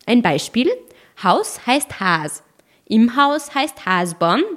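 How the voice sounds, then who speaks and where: A woman's voice: fairly high pitch, animated, slow pace, a bit bright. Woman narrating an explainer. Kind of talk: scripted documentary narration.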